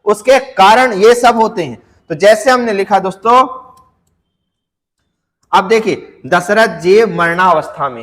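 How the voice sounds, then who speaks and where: High-voiced male teacher in a reverberant room. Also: fairly bright tone. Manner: repeats questions and answers them to students; stretches words out to demonstrate. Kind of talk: exam-prep lecture.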